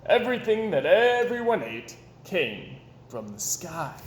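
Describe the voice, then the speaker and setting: A man reading a children's story aloud in an expressive, animated storytelling style, with dramatic pauses and emphasis. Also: high-pitched. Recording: echoey room with background noise.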